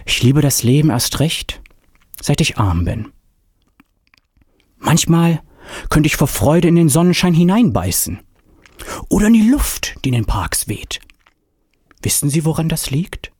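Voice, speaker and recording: A man's voice: on the low side, wildly swooping pitch, normal speed, pauses often, a little mellow, slightly rough, dry recording, clean studio sound, exaggerated voice. A man voicing a poor, eccentric old male inventor who grumbles and hums while reading a novel aloud. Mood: content.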